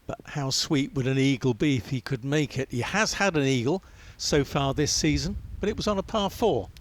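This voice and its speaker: A man works as a golf commentator, talking through the play in a chatty, conversational style. He often tosses out rhetorical questions, and his pitch sits in a middling male range. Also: animated, normal speed.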